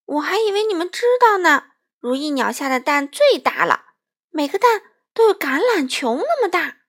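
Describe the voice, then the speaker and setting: Sly coaxing goose, lady doing it, high and swoopy storybook voice. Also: very animated, moderate pace, a bit bright, exaggerated voice.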